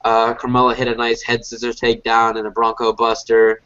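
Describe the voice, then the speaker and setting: A man's voice: mid-range voice, monotone, a little fast, pushed and bright, clear, resonant tone. A man co-hosting a casual review podcast, congested as if a little sick, rambling with lots of fillers and restarts. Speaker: podcast co-host. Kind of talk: casual wrestling review chat. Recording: dull lo-fi podcast audio.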